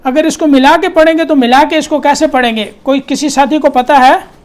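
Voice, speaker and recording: A man teaching a tajweed lesson. He recites verses in a slow, drawn-out chant and explains the rules in brisk asides. He corrects his students directly and repeats the right reading. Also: very high-pitched, steady tone.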